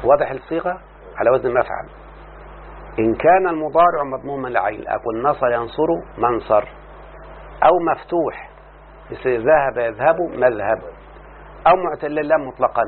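A man with an Egyptian accent teaching a classroom lesson, explaining slowly and often checking that his students follow. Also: medium pitch. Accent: Egyptian Arabic. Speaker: teacher of Arabic morphology. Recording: tinny lo-fi line with faint hum.

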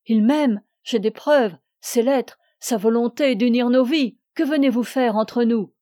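A woman's voice: on the high side, a little slow, dark tone, dry recording, clean studio sound, close to an everyday voice. A woman reading aloud and voicing a passionate, possessive young woman who speaks with scorn and rising cries. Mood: impassioned.

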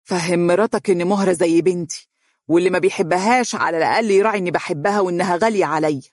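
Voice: medium pitch, fast talker, darkish tone, dry recording, studio quality, lightly acted. A narrator voicing a stern, protective older mother in an audiobook story, firm and reproachful in Egyptian Arabic.

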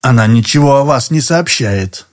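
A man's voice: mid-range voice, expressive, normal speed, natural voice. A man reading an audiobook, voicing a falsely polite middle-aged tenant who turns curt and wary. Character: smooth-then-suspicious middle-aged male tenant.

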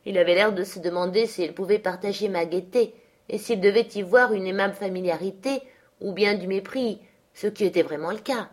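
Woman audiobook narrator, measured and expressive, middle pitch. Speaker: audiobook reader.

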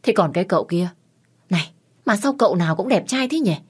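A woman's voice: mid-range voice, expressive, fast talker, slightly rough. Woman doing a blunt, teasing middle-aged aunt. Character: frank, cheerful middle-aged village aunt.

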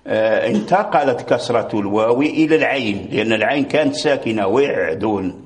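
A man's voice: lowish voice, brisk. A man teaching a lesson on Quran recitation, patiently repeating words and phrases as he explains. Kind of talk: religious lecture.

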